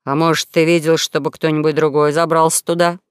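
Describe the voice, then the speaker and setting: A woman's voice: low voice, flat delivery, fairly quick, clean tone, dry recording, clean studio sound, voice pushed down, lightly acted. A woman voicing a sly male con man who poses as a duke, talking in a mocking, sardonic way. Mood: probing.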